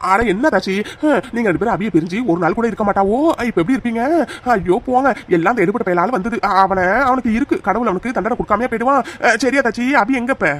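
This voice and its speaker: A woman voicing a cheeky, sharp-tongued aunt. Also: medium pitch, slight background noise, natural voice. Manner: cheeky, scolding, quick. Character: sharp-tongued village aunt teasing her mother-in-law. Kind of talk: cartoon voice acting.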